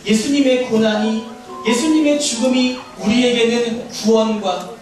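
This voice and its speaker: A man, a children's pastor, giving a lively children's sermon and asking the kids questions. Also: very high voice, a little slow, soft background music. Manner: animated, talks directly to children with questions. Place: church sanctuary. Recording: echoey church hall, mic at a distance.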